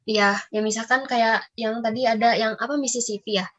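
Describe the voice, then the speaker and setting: A woman's voice: a little high, steady tone, moderate pace. A woman with an Indonesian accent hosting a casual podcast, talking in a chatty, rambling way with lots of fillers. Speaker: podcast host. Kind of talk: casual reaction chat.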